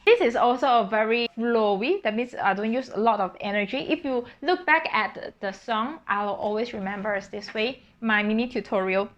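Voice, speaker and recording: Talking at a normal speed with barely a pause, a woman with a higher voice describes in a relaxed way how she composed her piece. As a singer and composer, she slips into sung solfège while thinking aloud, full of fillers and self-corrections. The sound is lo-fi.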